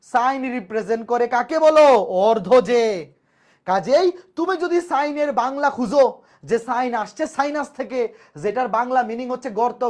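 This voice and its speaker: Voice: mid-range voice, a little mellow. A teacher gives a live online maths lecture, repeating each point and asking the class rhetorical questions. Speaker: math teacher.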